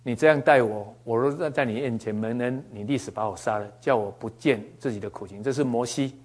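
A man's voice: medium pitch, brisk. A man teaching from the Bible in a conversational sermon, folksy and joking, with asides and fillers. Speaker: preacher.

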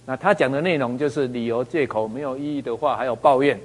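Male motivational speaker, lively storyteller, tosses out rhetorical questions. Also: medium pitch, fast. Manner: animated storyteller, asks the audience rhetorical questions. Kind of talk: motivational talk with anecdotes.

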